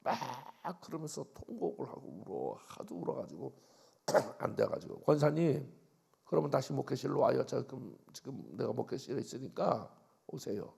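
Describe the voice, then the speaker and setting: An older man preaching a revival sermon as pastor, telling stories and swinging from loud outbursts to hushed asides. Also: mid-range voice, big pitch swings, moderate pace, creaky, slightly rough. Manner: storytelling, acts out quoted voices, swings from loud to hushed.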